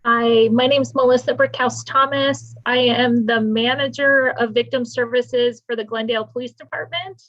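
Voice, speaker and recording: Woman, services manager, eager and friendly, high-ish voice, lo-fi audio. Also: fairly even intonation, normal speed, few pauses, a bit bright. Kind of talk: self-introduction at a virtual meeting.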